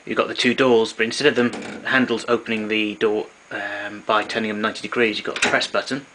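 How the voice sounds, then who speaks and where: A man with a fairly low, bright voice talks a little fast in a level but forceful tone. He's a vintage tape recorder collector giving an informal technical demonstration, explaining things matter-of-factly, with clear background noise and room ambience.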